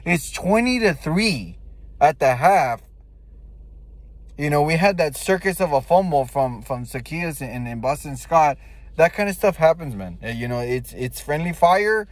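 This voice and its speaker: A man's voice: on the high side, animated, unhurried, dry recording. A man giving casual sports fan commentary in a blunt, emphatic way, with slang and swearing. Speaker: football fan giving game reaction.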